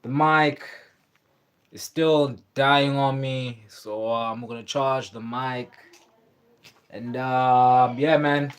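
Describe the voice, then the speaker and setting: A young South African man hosts a livestream, chatting casually about fights and rambling with lots of fillers and restarts. His mid-range voice is clear and resonant, steady in tone, and he takes his time.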